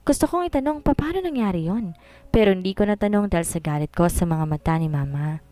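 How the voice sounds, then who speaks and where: A woman's voice: lowish voice, lively intonation, fast talker, mellow, no room sound. A woman narrating a first-person drama story in an earnest, emotional way.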